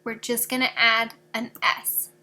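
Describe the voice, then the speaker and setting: A woman with a high, bright voice leads a recorded video lesson for fourth graders. She walks through each rule patiently, giving examples for every step. Her tone is clear and easy for children to follow. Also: little pitch movement, a little slow.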